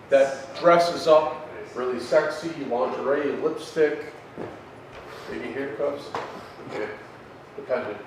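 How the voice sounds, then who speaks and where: A man in his forties, a comedian ranting about what annoys him, rambling and swearing constantly with lots of fillers. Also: mid-range voice. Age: 40s. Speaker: open mic comedian guest. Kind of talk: profane comic rant. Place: record store. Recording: very echoey room, mic far off, faint noise.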